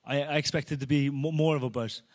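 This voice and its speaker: A man's voice: mid-range voice, steady tone, a little fast, a little mellow. A man from Wales with a Welsh accent, an earnest boxer answering interview questions with frequent restarts. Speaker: boxer guest. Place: indoor arena venue.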